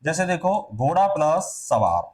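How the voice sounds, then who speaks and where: Guy teacher going over test answers, kinda high voice, asks then answers himself, repeats sounds to show them. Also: big pitch swings, moderate pace, a little mellow. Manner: repeats sounds and words to demonstrate pronunciation. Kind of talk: exam answer walkthrough lesson.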